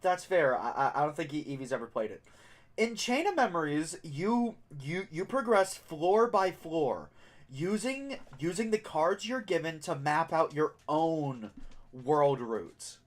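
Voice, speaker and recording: A man's voice: on the high side, big pitch swings, unhurried. A man giving casual live let's play commentary as a game streamer, chatting as he goes.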